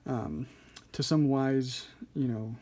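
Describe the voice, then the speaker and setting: A man's voice: medium pitch, steady tone, takes it slowly, warm tone. A man giving a casual hands-on tutorial as an instructor, informal and a little hesitant, thinking aloud as he explains. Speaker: card trick instructor.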